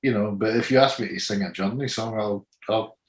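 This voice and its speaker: A man in his sixties with a gritty, gravelly voice, chatting loosely as an interview guest, full of "you know". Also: fairly low pitch, brisk, reverberant. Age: 60s. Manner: rambling, full of "you know", laughs easily. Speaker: guest singer. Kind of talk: casual interview chat.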